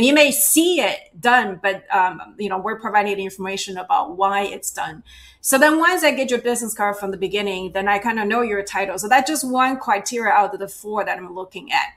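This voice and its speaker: Speaking over a video call, a cultural awareness trainer leads a virtual workshop in a chatty way, often asking "right?" or adding "you know" to check on her audience. She has a mid-range voice with a fairly bright tone.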